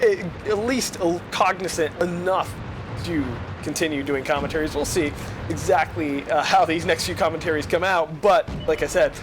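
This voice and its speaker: A man's voice: fairly high pitch, normal speed. A man giving casual game commentary in a rambling, self-correcting way, recorded on the go through a headset with poor audio quality. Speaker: gameplay commentator. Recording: lo-fi headset audio over music.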